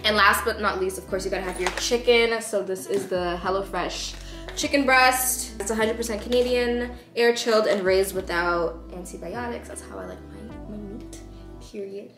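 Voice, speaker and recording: Young woman vlogger, mid-pitch, chatty, home kitchen with room echo. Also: fairly even intonation, moderate pace. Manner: bubbly, chatty, talks to camera. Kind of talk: casual vlog chat. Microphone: handheld phone camera at arm's length. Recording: echoey kitchen with music behind.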